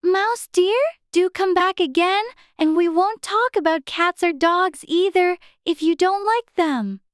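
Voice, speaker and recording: A woman's voice: very high-pitched, unhurried, no room sound, clean studio sound, pitched above the performer's own voice. A woman voicing a polite, eager little girl with an earnest, childlike manner in a dramatized audiobook. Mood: apologetic. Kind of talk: dramatized audiobook character dialogue.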